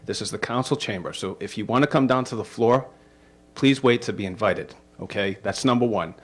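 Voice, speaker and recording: Male council chair, formal debate in a chamber, firm and insistent, calm giving way to anger. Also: on the low side, a little fast. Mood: stern. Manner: stern and insistent, turning angry. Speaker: city council president chairing a meeting.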